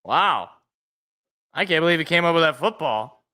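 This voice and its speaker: A man in his twenties hosts a live football reaction stream. He calls plays and jokes with his chat in a bright, forceful voice that sits slightly high. His humor is self-deprecating. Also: animated, normal speed. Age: 20s. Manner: joking, self-deprecating, chatting with viewers. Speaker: sports podcast co-host. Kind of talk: live game reaction and play-by-play.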